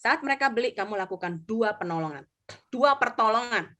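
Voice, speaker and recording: A woman's voice: on the high side, a little fast, slight background noise. A middle-aged woman, an insurance agency leader giving a motivational sharing talk, acting out quotes and mixing in English words. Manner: lively storyteller, acts out quotes, mixes in English.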